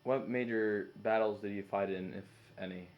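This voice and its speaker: A man's voice: fairly low pitch, steady tone, moderate pace. A man working as an interviewer, reading out questions. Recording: slightly dull, lo-fi sound.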